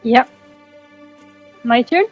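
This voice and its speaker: A woman's voice: extremely slow, muffled recording, soft background music. A woman playing a tabletop game, chatty and thinking aloud about her moves. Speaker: player. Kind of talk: casual tabletop game chat.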